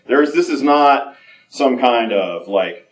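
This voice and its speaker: A man's voice: mid-range voice, lively intonation. Rambling man speaking in an echoey room. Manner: halting, full of fillers and restarts. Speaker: conference speaker. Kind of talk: candid personal talk. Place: conference room. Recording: echoey room, mic from a distance.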